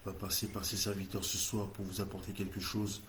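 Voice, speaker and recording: A man's voice: low-pitched, completely flat delivery, brisk, fairly bright tone, slight background noise. A man with an English-speaking accent hosting a church livestream, leading a fervent, repetitive prayer in French. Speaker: church host.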